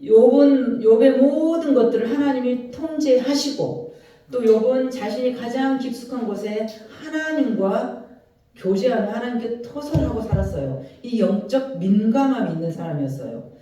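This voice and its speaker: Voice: mid-range voice, moderate pace. Preacher with a Jeolla accent in an echoey church. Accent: Jeolla Korean. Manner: animated preaching, acting out prayers and quotes. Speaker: pastor. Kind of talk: sermon. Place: large church sanctuary. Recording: very echoey church hall, voice from far off.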